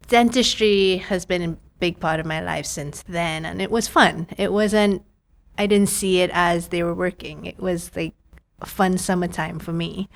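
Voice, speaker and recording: A Trinidadian prosthodontist in her thirties tells her story as a guest on a chatty podcast, often quoting what she used to think. Her voice sits at a medium pitch.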